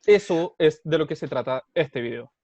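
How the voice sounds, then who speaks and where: A man from Chile, a co-host explaining a tabletop roleplaying game in a thoughtful, measured way with some hesitation. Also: fairly high pitch, animated, darkish tone, dry recording. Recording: dull, dry, muffled sound.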